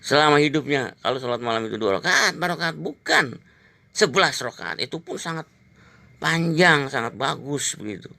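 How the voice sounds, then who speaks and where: A man's voice: mid-range voice, creaky, sharp tone. A man, telling a long rambling story and dropping "gitu" and "Pak" again and again. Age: 70s. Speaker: exercise teacher. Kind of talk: casual storytelling to an interviewer.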